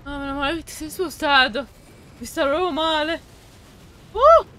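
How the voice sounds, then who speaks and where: A woman's voice: high voice, fairly even intonation, moderate pace, sharp tone. A woman co-hosting a let's play, reacting and teasing in casual gameplay chat. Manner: reactive, teasing, cries out at the action. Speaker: gameplay co-host.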